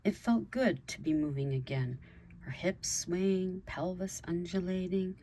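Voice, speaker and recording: A woman reading her own story aloud in a plain, unhurried way, lifting her voice for the characters' dialogue. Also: fairly low pitch, mellow, a little hiss or hum.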